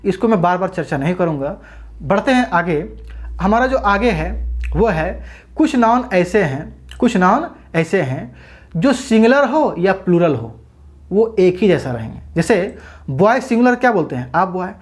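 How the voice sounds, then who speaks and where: A woman's voice: lowish voice, sing-song, normal speed. A woman teaching an English grammar lesson for exam students, asking questions and answering them herself, and addressing viewers as brothers and sisters.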